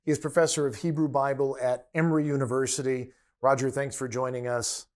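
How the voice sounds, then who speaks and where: A male host of an interview podcast with a mid-pitched voice. He keeps things friendly and informal, and his questions come out with frequent fillers and repeated words. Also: little pitch movement, brisk. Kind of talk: conversational interview.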